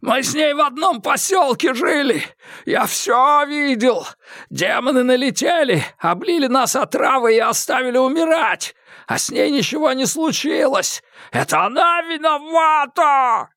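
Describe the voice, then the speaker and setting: A man's voice: extremely high pitch, expressive, unhurried, sharp tone, dry recording, clean studio sound, voice pushed up, exaggerated voice. A man reading an audiobook and voicing a frantic, armed madman who shrieks and splutters. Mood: raving. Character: raving, frantic grown man with a weapon.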